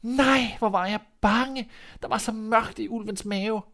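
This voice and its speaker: An innocent little girl, as a man plays her, her voice lifted high and wide-eyed. She sounds naive and childlike. This is a storybook tale read aloud. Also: gravelly, fairly bright tone. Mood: frightened. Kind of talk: storybook reading.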